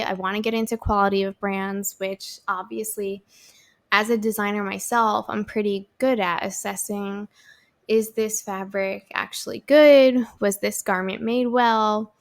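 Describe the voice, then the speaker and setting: A woman's voice: mid-range voice, vocal fry, fairly bright tone. A woman in her thirties hosting her own podcast, chatting alone in an upbeat, rambling way. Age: 30s. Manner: chatty, lots of fillers and restarts, upbeat. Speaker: podcast host. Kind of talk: solo podcast chat.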